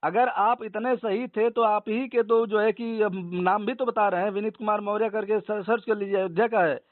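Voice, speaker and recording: A high-pitched man with a steady tone argues with a caller at normal speed, stubbornly restating his points as the organisation's leader. It's a dry recording of a phone call, tinny and narrowband.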